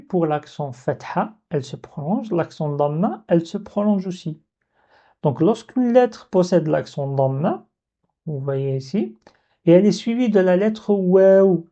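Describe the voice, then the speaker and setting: Slow patient teacher, super mellow dark voice, repeats stuff, kinda muffled lo-fi audio. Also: medium pitch. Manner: patient, repeats key points, drawn-out demonstration sounds. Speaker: Arabic teacher. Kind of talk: step-by-step language lesson. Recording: dull lo-fi recording.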